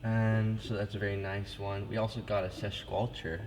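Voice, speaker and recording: At a church organ console, a man with a low, flat voice demonstrates the organ stops at a moderate pace. He talks casually, restarting often and using lots of fillers, while a pipe organ plays loudly behind him.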